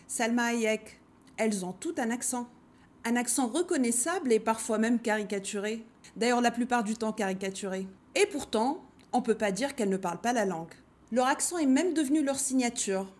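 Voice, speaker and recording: A woman hosts a language-learning video with a voice pitched a little high. She speaks in a measured, reflective way. She poses rhetorical questions to her viewers as she works through her points. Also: darkish tone. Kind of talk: reflective scripted talk to camera.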